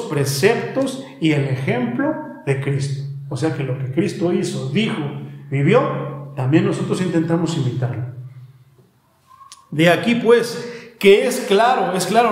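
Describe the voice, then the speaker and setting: Man, Mexican Spanish accent, sermon, emphatic, rhetorical questions, shifting pace, strong church-hall echo. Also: high voice. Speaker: preacher.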